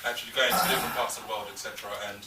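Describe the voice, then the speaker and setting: A man's voice: medium pitch, fairly even intonation, very fast, noisy background. A man from Nigeria hosting a casual panel discussion, probing with questions and laughing easily. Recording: roomy, distant mic.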